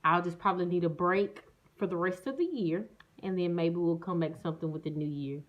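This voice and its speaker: A woman's voice: fairly low pitch, brisk, lo-fi sound. A woman chatting casually and folksily to her viewers in a home vlog. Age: adult, mother of children. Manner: folksy, addresses viewers as y'all and guys. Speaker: family vlogger. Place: at home, indoors.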